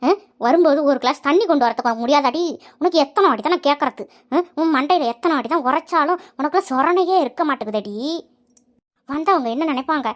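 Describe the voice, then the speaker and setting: A woman's voice: sits high, expressive, quick pace. A woman voicing a grumbling elderly village widow and mother-in-law in a cartoon, complaining and scolding. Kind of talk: cartoon voice acting.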